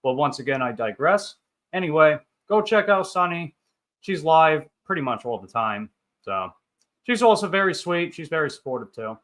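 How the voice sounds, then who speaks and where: Hosting a laid-back livestream, a thirty-year-old man chats with viewers, reading their comments and answering in rambling, upbeat banter. He sounds animated and fairly bright, a little high, at a normal speed.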